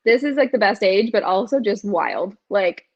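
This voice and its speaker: A young woman hosting a podcast, chatting in a bubbly, expressive way and laughing a lot. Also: mid-range voice, moderate pace. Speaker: podcast host. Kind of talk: casual chat. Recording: dull lo-fi sound.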